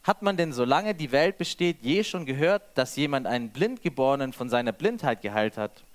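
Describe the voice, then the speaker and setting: A man's voice: medium pitch, expressive, fairly quick. A man reading scripture aloud and then preaching freely, with some restarts.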